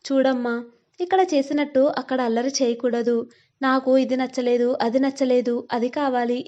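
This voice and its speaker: A woman's voice: sits high, mellow, dull audio, close to an everyday voice. A woman voicing a caring middle-aged mother giving earnest advice to her daughter, in a storybook reading. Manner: earnest, instructive.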